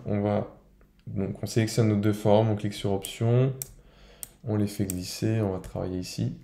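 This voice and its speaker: A man speaks slowly in a lowish, creaky voice. He casually walks through software steps, thinking aloud as he goes. His informal tutorial delivery is unhurried and improvised. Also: echoey room. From France. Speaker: video editing tutorial presenter.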